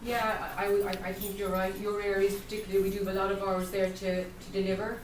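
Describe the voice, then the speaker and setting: Woman talking fast and pretty flat, echoey room. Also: mid-range voice. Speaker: care service representative. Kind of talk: informal answer at a public meeting. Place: hotel function room at a public event. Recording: echoey room, distant mic, faint noise.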